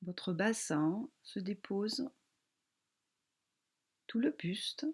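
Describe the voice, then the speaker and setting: A female yoga teacher with a husky, mid-range voice leads a relaxation meditation. She is calm, gentle, and soothing, leaving long pauses.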